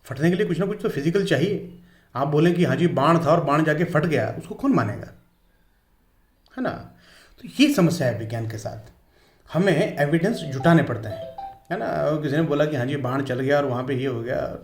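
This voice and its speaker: A man's voice: a little high, lively intonation. Hindi-speaking man teaching physics, echoey room. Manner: explains slowly, stresses each pronunciation in English. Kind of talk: classroom lecture.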